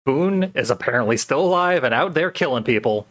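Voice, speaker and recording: A man's voice: medium pitch, lively intonation, fairly quick, a bit bright. A man co-hosting a casual film podcast, recapping plot steadily and adding dry, wry remarks. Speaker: podcast co-host.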